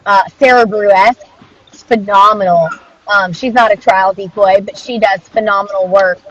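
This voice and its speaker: A woman's voice: medium pitch, fairly even intonation, normal speed, a bit bright. Woman in casual interview, dull audio. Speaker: interviewed dog trainer.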